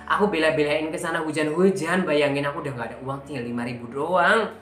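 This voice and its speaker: A man vlogger telling a personal story in casual talk, emotional and animated, acting out what people said. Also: fairly high pitch, quick pace. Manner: emotional, animated retelling with acted-out quotes. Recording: echoey room with faint background music.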